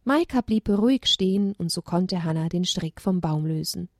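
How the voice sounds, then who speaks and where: A woman narrating a children's story aloud in an expressive read-aloud manner. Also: fairly low pitch, normal speed, no echo, clean studio sound.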